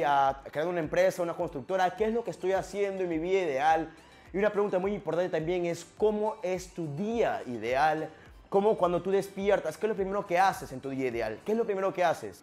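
A man, giving an energetic, earnest motivational talk straight to the viewer. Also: high-pitched. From Peru. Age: 20s. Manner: energetic and earnest, addresses the viewer directly, frequent restarts. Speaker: motivational speaker.

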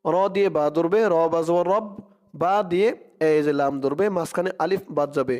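A man with a Bangladeshi Bengali accent giving a religious lesson, spelling out Arabic letter by letter and chanting verses slowly. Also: fairly high pitch, a little mellow. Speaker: Quran recitation teacher.

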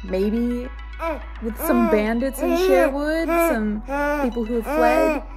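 A woman's voice: on the high side, expressive, slow, over loud music. A young woman chatting casually about a book she is reading, rambling a little and making self-deprecating asides, recorded at home in a living room on a tablet's built-in mic. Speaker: book club vlogger. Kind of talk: casual book discussion chat. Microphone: tablet built-in mic, close and low.

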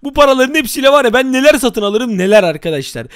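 A young man giving excitable running commentary on a game, often calling out to his viewers. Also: very high voice, fast, clean tone, no echo, clean studio sound. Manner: excitable, addresses viewers, frequent exclamations. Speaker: gaming YouTuber.

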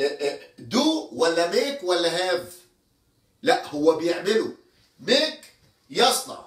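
A man's voice: high voice, a bit bright, reverberant, recorded from a distance. A man with an Egyptian Arabic accent teaching English words, explaining step by step and checking that his students follow. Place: indoor room, moving around while teaching.

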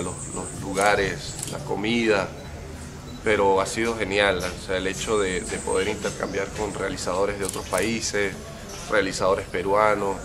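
A young man with a Venezuelan accent, a filmmaker talking about his short film in a relaxed, thoughtful way, recorded outdoors by a building entrance on a close camera mic. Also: low-pitched. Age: young adult. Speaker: filmmaker guest. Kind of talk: festival interview.

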